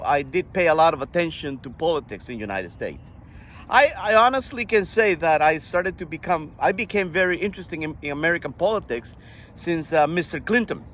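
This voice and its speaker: An older man from Costa Rica talking earnestly in a casual monologue, often halting and restarting his sentences. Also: fairly high pitch, a bit bright, slight background noise. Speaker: vlogger.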